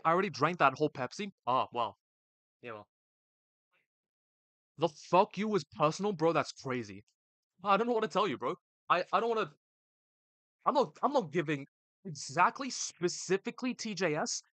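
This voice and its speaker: A man's voice: fairly high pitch, big pitch swings, moderate pace, long pauses, a bit bright, no room sound. Laid-back young male streamer. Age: young adult. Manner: reads chat aloud and bickers back, laid-back slangy banter. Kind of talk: casual live-stream chat. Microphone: desk streaming mic.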